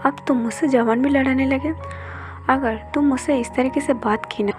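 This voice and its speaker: A woman voicing a quick-tempered young man who scolds and quarrels, telling the story in Hindi. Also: high-pitched, fairly even intonation, music in the background, lightly acted. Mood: angry.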